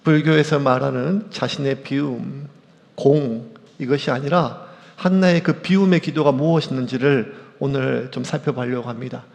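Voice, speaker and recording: A male pastor preaching a sermon in a church, animated and acting out quoted voices. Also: medium pitch, moderate pace, gravelly. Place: church sanctuary. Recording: echoey church hall.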